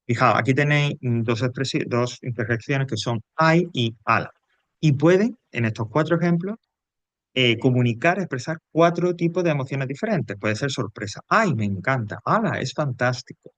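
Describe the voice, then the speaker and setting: In a recorded lesson, a male teacher with a Peninsular Spanish accent explains grammar at a moderate pace and medium pitch. He sounds hesitant, filling gaps with fillers and often asking checking questions, and there is no room sound.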